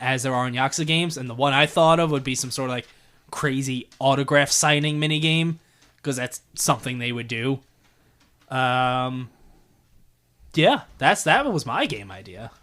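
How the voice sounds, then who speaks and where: A man's voice: medium pitch, lively intonation, normal speed, fairly bright tone. A young man co-hosting a gaming podcast in casual chat, talking loosely with fillers and restarts and laughing easily. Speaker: podcast co-host.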